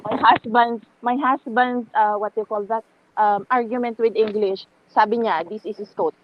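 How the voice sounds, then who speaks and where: A woman's voice: a little high, steady tone, moderate pace, highs cut off, a little hiss or hum. A woman student with a Filipino accent, chatty and switching between Filipino and English in an online class.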